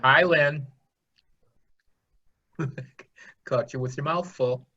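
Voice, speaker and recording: A man's voice: fairly high pitch, drawn-out words, sharp tone. Friendly man, muffled call audio. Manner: friendly, chatty. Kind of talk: casual chat. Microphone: video call. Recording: dull lo-fi video call audio.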